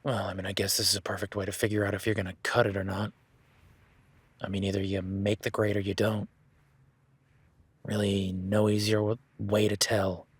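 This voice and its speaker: On a dry recording, a man voices a ranch hand guiding a newcomer in an audio roleplay, a rugged, plain-spoken cowboy whose folksy ease slips into casual swearing. He sounds husky and on the low side, delivering flatly at a moderate pace and pausing often.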